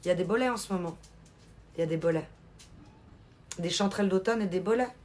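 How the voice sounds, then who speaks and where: A woman's voice: on the low side, fast talker, a little mellow. A woman streamer chatting casually on a live stream, answering her chat and laughing often.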